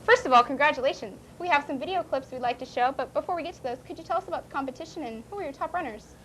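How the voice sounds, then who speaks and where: A young woman anchoring a school news show, reading briskly and interviewing a guest. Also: high voice, fairly bright tone, slight background noise, poor audio. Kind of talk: studio interview.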